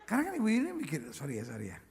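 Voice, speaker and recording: A man's voice: on the high side, very fast, vocal fry, noisy background. A male pastor preaching a humorous sermon, joking and mimicking how different people speak. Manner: lively, jokey, mimics accents and voices.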